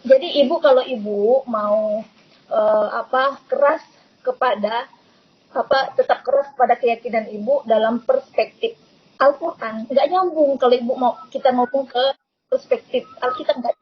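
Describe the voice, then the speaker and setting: A high-voiced woman speaks over an online call whose audio keeps breaking up and cutting out. Her tone is husky and the line sounds dull and lo-fi. She talks in an earnest, halting way, with fillers as she searches for words. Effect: choppy online call audio, breaking up. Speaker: participant explaining scripture. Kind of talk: online group call discussion.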